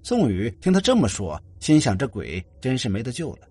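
A man narrating a story in an expressive, animated reading style. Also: mid-range voice, a little fast, husky, no echo. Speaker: audiobook narrator.

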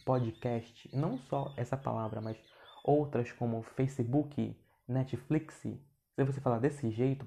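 A man from Brazil with a Brazilian accent talks through an informal podcast lesson, chatty and loose with his sentences. His voice is gravelly and dark in tone, sitting at a middle pitch. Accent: Brazilian Portuguese. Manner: chatty and informal, with frequent restarts. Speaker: podcast host and English teacher.

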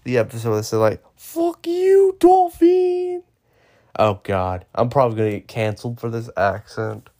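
A man's voice: lowish voice, fairly even intonation, a little fast, few pauses. A man in his twenties hosting a solo podcast, rambling offhand with jokey asides. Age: 20s. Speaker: podcast host.

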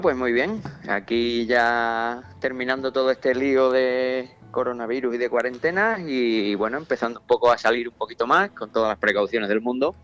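A middle-aged man with a Spain Spanish accent, talking as a guest angler over a telephone line in a casual chat, halting and repeating his words. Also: medium pitch, fairly bright tone. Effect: heard over a telephone line. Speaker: guest angler interviewed on a radio show. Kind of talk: casual phone interview.

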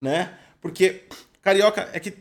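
A man's voice: high voice, measured pace. A man with a São Paulo accent co-hosting a casual livestream chat, laid-back, slangy and joking. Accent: São Paulo Portuguese. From Brazil. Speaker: livestream co-host.

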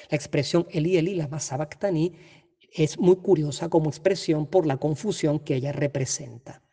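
A Bible teacher giving an explanatory lesson at a measured pace, often hesitating and correcting themselves. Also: mid-range voice, mellow, slightly rough. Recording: long reverb.

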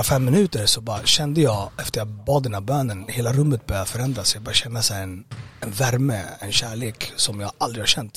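A man with a husky, slightly breathy voice tells his personal story as an interview guest. His speech is hesitant, with frequent fillers and restarts, and his pitch sits in an ordinary middle range. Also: fairly bright tone. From Sweden.

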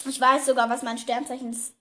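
A teenage girl chatting casually as podcast host, giggly and teasing, talking fast. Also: sits high, little pitch movement, bright, forceful tone, a little hiss or hum. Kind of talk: casual chat.

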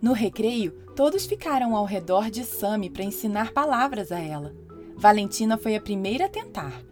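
A woman hosting a children's podcast, narrating a story in a lively storytelling voice. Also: mid-range voice, moderate pace, soft background music.

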